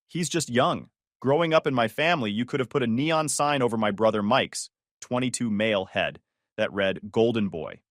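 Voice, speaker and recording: A man narrates first-person stories in a steady scripted read. His pitch rises and falls lively through each line. The recording is dry and close, with no room around it. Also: no room sound.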